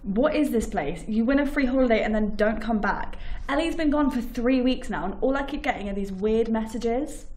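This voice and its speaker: A woman's voice: fairly high pitch, normal speed, a little mellow, natural voice. A woman in her twenties acting an anxious, determined sister confiding in a found-footage video diary. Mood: worried, frustrated. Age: 20s. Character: worried determined young woman searching for missing sister. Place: small room, then outdoors in bare woodland. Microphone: handheld camera at arm's length.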